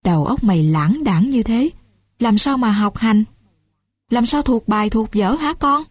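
A woman reading the lines of a kindly middle-aged uncle who speaks gently and later scolds in exasperation. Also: on the high side, lively intonation, unhurried, breathy edge, dry recording. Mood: scolding.

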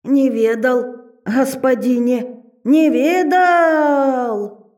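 Fawning old male forest creature, high and whiny, slow pleading delivery, put on by a woman reader. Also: darkish tone. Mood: whining. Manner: whining, cringing.

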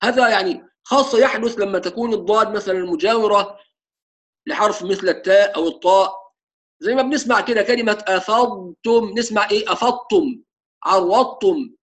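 A man with an Egyptian accent teaching Quran recitation. He mixes formal Arabic with colloquial asides and slows down to stretch out each letter he demonstrates. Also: high voice, a bit bright. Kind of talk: tajweed lesson with spoken demonstrations.

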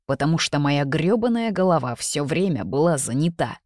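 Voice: medium pitch, sing-song, moderate pace, darkish tone, no echo, lightly acted. Blunt pushy young guy in a romance audiobook, read out by the narrator, dry close sound. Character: brash young man, blunt and possessive. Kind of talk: audiobook character reading.

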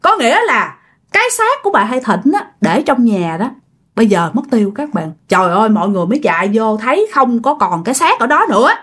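A woman's voice: a little high, fairly quick, slightly rough. A woman with a Southern Vietnamese accent telling a ghost story casually, acting out the characters' voices. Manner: lively, acts out the characters' voices.

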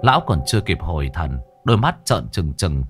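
A man telling a story in an earthy, colloquial, animated way. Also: low-pitched, a little fast, soft background music. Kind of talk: storytelling narration.

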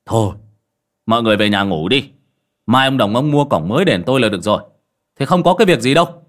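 A man voicing an exasperated young village master who scolds loudly. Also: mid-range voice, lively intonation, quick pace, natural voice. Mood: dismissive. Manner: scolding, raised voice.

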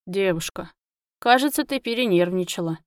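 Give me a woman playing a teasing middle-aged cabbie with a dropped, gruff tone, in a storybook reading. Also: medium pitch, lively intonation, moderate pace, no echo, clean studio sound, pitched below the performer's own voice, lightly acted. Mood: soothing. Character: gruff middle-aged male taxi driver, kindly.

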